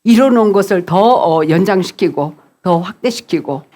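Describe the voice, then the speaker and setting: A man's voice: high-pitched, expressive, normal speed, mellow. A man interpreting a sermon live, hesitant, with fillers and restarts as he catches up.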